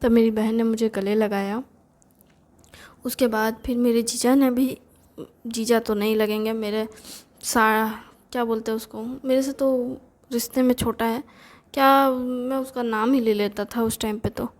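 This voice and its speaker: A woman's voice: on the high side, steady tone, a little slow. A woman telling a story in a casual first-person way, chatty and confiding with plenty of fillers.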